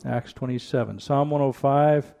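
Gravelly man preaching at a pulpit microphone. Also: mid-range voice, moderate pace, warm tone. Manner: earnest preaching with repeated rhetorical questions. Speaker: pastor. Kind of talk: sermon with prayer and scripture reading. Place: church.

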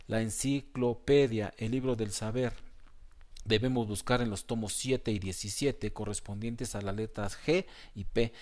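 A man's voice: lowish voice, moderate pace, hardly any pauses, lightly acted. A man voicing a fretful, bookish know-it-all male cat who keeps wailing that everything is terrible, in a storybook reading. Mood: eager. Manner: frantic, repeats "terrible".

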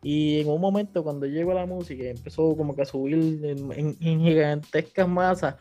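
Slangy Puerto Rican man with a dark voice. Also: a little high, fairly quick, soft background music. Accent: Puerto Rican Spanish. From Puerto Rico. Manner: slangy, mixes English words in, acts out quotes. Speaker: podcast guest, platform founder. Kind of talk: casual interview chat.

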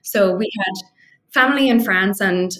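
A woman's voice: mid-range voice, a little slow, a bit bright. Young Irish woman telling her story. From Ireland. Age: young adult. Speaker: guest. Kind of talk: reflective interview storytelling.

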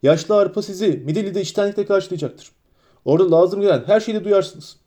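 A man voicing a wary, gruff male gatekeeper in an audiobook, speaking in a curt, guarded way. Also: high voice, brisk, dark tone, pitched above the performer's own voice, natural voice. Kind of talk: audiobook character voice.

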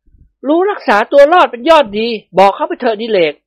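A woman reading the lines of a playful young husband who is embarrassed and teasing, in a lively audiobook voice. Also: on the high side, fairly quick, no echo, pitched above the performer's own voice. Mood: evasive teasing.

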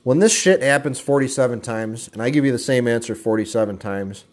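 A man's voice: mid-range voice, a little fast. A man giving an intense, profane motivational rant, blunt and angry, calling his listeners guys. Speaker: motivational speaker.

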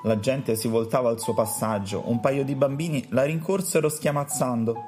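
Man narrating a children's story, calm, mid pitch, faint music under. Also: normal speed.

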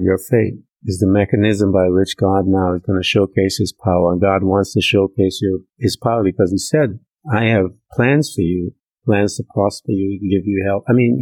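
Male preacher, husky and dark, emphatic conversational sermon, dry close sound. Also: fairly low pitch, dry recording, rough recording.

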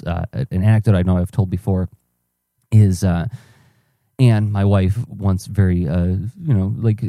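Dark-voiced man musing aloud. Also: lowish voice, no echo, clean studio sound. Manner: musing, self-questioning, frequent fillers and restarts. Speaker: podcaster and cartoonist. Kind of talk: reflective solo journal podcast.

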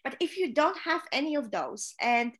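Very animated and high-voiced, a Polish woman who works as a chief stewardess shares frank career guidance in an interview. She speaks English as a non-native with a Polish accent, at a moderate pace and a fairly bright tone, with plenty of filler sounds.

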